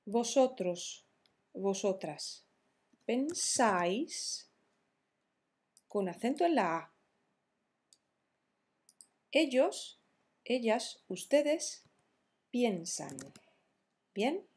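A woman teaching verb conjugations in a slow, careful tutorial, spelling out each form deliberately. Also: fairly high pitch, very animated, darkish tone, breathy edge. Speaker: Spanish teacher.

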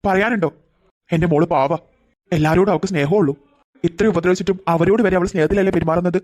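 A protective cartoon grandfather played by a man, fiery yet loving. He speaks firmly and fast in a slightly raised voice, recorded dry and close. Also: sits high, steady tone, a little mellow, no room sound, lightly acted. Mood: earnest. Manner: firm, emotional. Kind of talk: cartoon voice acting.

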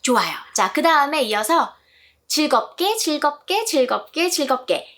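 A woman's voice: sits high, expressive, normal speed. A woman in her thirties teaching parents an English nursery song, patiently showing how to shape each sound. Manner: clear, patient, demonstrating mouth shapes and sounds. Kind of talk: friendly pronunciation lesson.

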